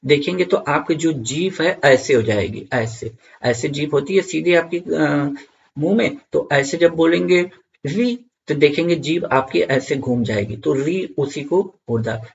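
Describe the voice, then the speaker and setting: A man's voice: on the high side, vocal fry, lo-fi sound. A man teaching an online grammar lesson for exam students, repeating key points and checking in with viewers.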